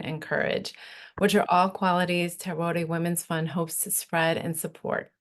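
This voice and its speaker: A woman, a nonprofit executive director and midwife, giving an earnest, measured presentation at a virtual event. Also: on the low side.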